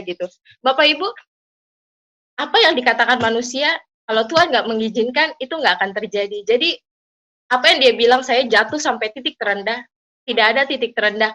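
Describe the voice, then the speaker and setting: A woman sharing her personal testimony with a church congregation, her voice set a little high and bright with a forceful edge. She speaks earnestly and turns to address her listeners directly. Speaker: church member giving testimony. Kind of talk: personal testimony at an online prayer service.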